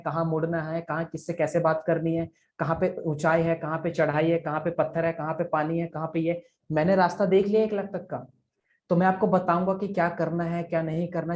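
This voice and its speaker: A man who trains affiliate marketers coaches his trainees through sales targets in a live online session over a video call, repeating figures aloud. His voice is a little high and a little mellow.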